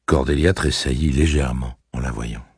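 A man narrating a novel with expressive storytelling. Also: extremely low pitch, normal speed, breathy edge, no room sound, studio quality. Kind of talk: audiobook narration.

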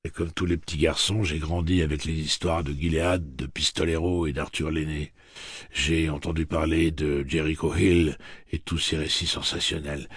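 Man doing a deep gruff ranch foreman, kinda sorry, dry close sound. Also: no echo. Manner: earnest, slightly apologetic. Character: apologetic middle-aged male ranch foreman.

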